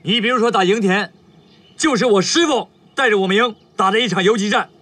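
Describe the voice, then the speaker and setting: A man's voice: high voice, brisk, sharp tone, a little hiss or hum. An actor playing a stubborn battalion commander in a war drama, blunt and defiant in his talk. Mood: indignant. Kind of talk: television period war drama. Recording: distant mic, faint music behind.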